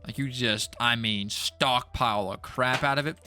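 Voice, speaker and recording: A man's voice: mid-range voice, normal speed, bright, forceful tone, faint music behind. A young man giving casual gameplay commentary, rambling and stuttering, jittery from an energy drink. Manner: rambling, stuttery, self-talk with repeated words. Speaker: gaming YouTuber.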